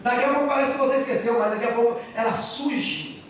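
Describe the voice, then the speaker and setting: High-voiced preaching man in echoey hall. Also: fast talker, a little hiss or hum. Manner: impassioned preaching, swings between loud and soft. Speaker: pastor. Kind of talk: sermon. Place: church hall in Japan. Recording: very echoey church hall, far from mic, faint music.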